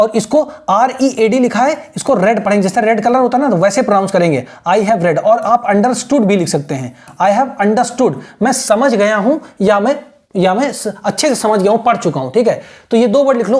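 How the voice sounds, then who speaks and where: A man, teaching as an English tutor, dictates phrases slowly and repeats them word by word. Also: high voice, darkish tone. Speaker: English tutor for exam aspirants. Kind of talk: online lesson dictation.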